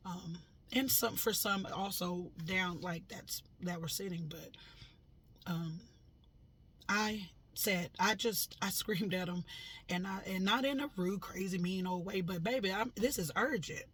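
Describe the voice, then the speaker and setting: A woman casually recounting a dream to her viewers, animated and dramatic, getting loud when she quotes herself, with lots of fillers. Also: lowish voice, a little slow, breathy edge. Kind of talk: casual storytelling.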